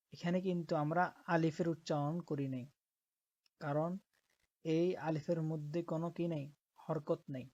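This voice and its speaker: A woman teaching Quran reading, who spells out letters slowly and often checks that her listeners are following. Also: sits low, darkish tone, no echo, highs cut off. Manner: slow, patient, checks in with "ঠিক আছে?".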